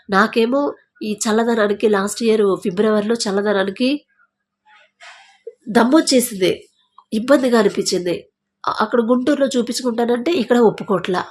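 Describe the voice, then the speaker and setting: Woman, emotional church testimony, acts out quoted speech. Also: a little high. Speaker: testimony giver. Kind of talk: personal faith testimony.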